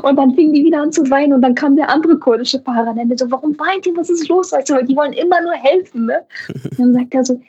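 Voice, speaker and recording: A young adult woman, an actress, telling a lively anecdote and acting out the voices of the people in it. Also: fast, lo-fi sound. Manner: acts out voices of others in her story, often rising high. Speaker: actress and guest.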